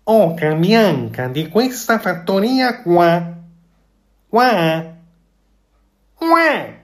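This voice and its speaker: A man's voice: high voice, big pitch swings, extremely slow, pitched above the performer's own voice, full character voice. Man putting on a squawking silly goose. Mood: proud. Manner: honking, singsong. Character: silly cheerful female goose.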